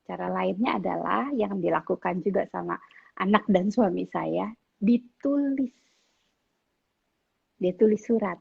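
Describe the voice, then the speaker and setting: A woman's voice: mid-range voice, unhurried, gravelly, pauses often, slightly rough, phone-quality sound. A middle-aged woman giving casual advice to teenagers, telling stories and acting out what family members say. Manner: animated storytelling, acts out quoted family members. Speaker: guest speaker on parenting.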